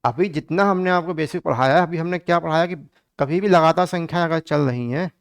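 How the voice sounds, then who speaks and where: A man's voice: a little high, a little fast, smooth, no room sound, clean studio sound. A man teaching an online exam-prep math lesson in a chatty way, calling his students kids and joking as he works through problems.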